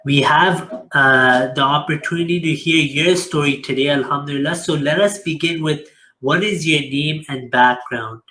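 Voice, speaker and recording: A man's voice: fairly high pitch, normal speed, bright, forceful tone. A man hosting an interview, opening with formal religious greetings and asking questions. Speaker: host.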